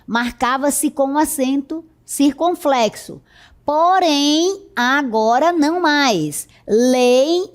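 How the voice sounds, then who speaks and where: A woman's voice: fairly high pitch, a little mellow. A woman teacher with a Brazilian Portuguese accent, giving a recorded lesson in a patient, explanatory way and checking in with her students often. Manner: slow, explanatory, checks in with "certo?".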